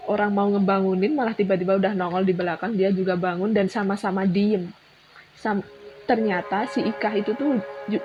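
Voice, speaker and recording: Young indonesian woman retelling a spooky story, rambly and casual, bit muffled, music playing under her. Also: medium pitch. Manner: chatty, with many restarts and repeated words. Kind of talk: casual spoken horror story. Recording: dull lo-fi sound with music behind.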